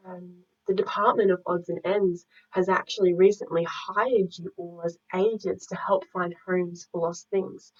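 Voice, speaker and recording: A woman playing a shy young boy in a classroom drama, speaking haltingly with breathy whispers. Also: on the low side, steady tone, darkish tone, far from the mic. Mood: hesitant. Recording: muffled audio, voice off-mic.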